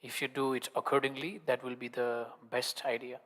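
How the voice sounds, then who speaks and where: Guy doing live translation of a teaching, halting non-native english, pretty monotone, big echoey hall. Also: mid-range voice. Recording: long hall reverb.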